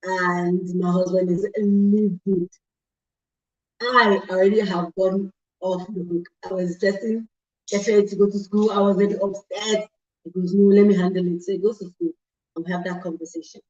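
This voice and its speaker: A middle-aged woman hosting a talk show, animated, with many asides and self-corrections. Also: medium pitch, moderate pace, highs cut off. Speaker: host.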